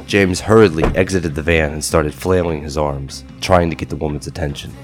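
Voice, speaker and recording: A man's voice: a bass voice, steady tone, brisk, faint music behind. A man narrating a scripted audio drama in a dramatic storytelling style.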